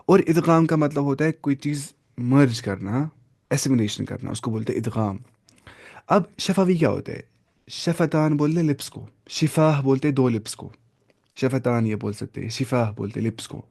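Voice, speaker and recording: A man's voice: medium pitch, expressive, vocal fry, darkish tone, dry recording, clean studio sound. A man teaching Quran recitation rules step by step. He asks questions, answers them himself, repeats key terms and drops English words into his explanations. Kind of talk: step-by-step tajweed lesson.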